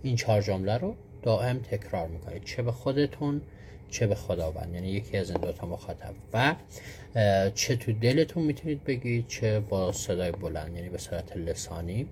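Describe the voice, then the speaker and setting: A man's voice: on the low side, lively intonation, darkish tone, slight background noise. A man hosting a live stream who greets viewers one by one and patiently explains answers to their questions, with frequent fillers. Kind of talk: casual live-stream teaching.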